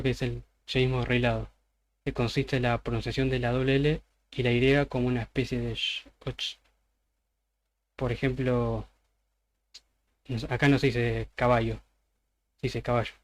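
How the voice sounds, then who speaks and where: A man's voice: medium pitch, flat delivery, normal speed. A man with an Argentine accent giving an informal presentation, casually explaining slang word by word with examples. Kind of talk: informal presentation on a voice chat server.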